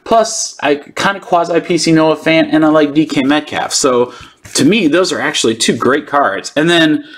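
A man's voice: fairly high pitch, moderate pace. A man hosting a sports card channel, giving casual, informal unboxing commentary as he thinks aloud.

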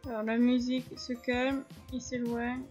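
A woman's voice: on the high side, little pitch movement, slow pace. A woman giving casual gameplay commentary, chatting to viewers and explaining the controls as she plays. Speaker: gaming video host. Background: faint game music.

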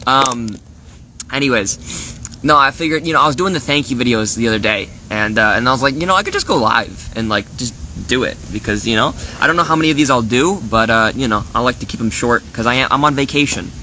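A man's voice: mid-range voice, lively intonation, fast, sharp tone, slight background noise. A man streaming live from his phone, rambling casually with lots of fillers and restarts and swearing freely as he vents. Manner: swears freely, aggrieved venting.

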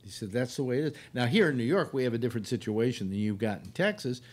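A man's voice: medium pitch, expressive, fast talker. An older man hosting a casual panel chat on a video call, opinionated and full of questions. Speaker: host of a live panel show. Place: book-lined room at home.

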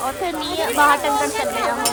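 A woman with a Punjabi accent chatting and exclaiming loudly like an animated aunty as she gives a casual running commentary for a vlog. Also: high-pitched, brisk. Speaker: vlogger filming a community kitchen. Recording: busy crowd, clattering dishes, outdoor noise. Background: crowd chatter and clattering pots.

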